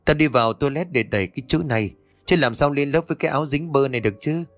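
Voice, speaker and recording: A man's voice: medium pitch, fast, no room sound, faint music behind, close to an everyday voice. A man reading the part of an anxious teenage schoolgirl in an audio story, talking hurriedly in a raised voice. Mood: fussy.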